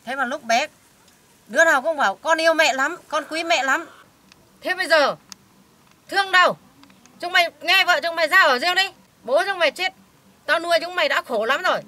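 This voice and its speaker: A woman's voice: high voice, pushed and bright. A woman playing a bitter scolding widowed mother. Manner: scolding, blunt and coarse. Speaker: mother in family drama. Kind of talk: amateur short-film acting.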